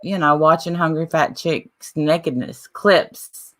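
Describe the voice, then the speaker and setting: A woman co-hosts a loose livestream, dropping dry, teasing remarks in a deadpan way. She speaks slowly, with a lowish voice. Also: noisy background. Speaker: co-host. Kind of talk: casual livestream chat.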